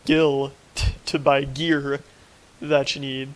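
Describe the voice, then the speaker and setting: Flat-toned man making brief remarks. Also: mid-range voice, slow. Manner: brief, matter-of-fact interjections. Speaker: podcast co-host. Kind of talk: casual gaming chat.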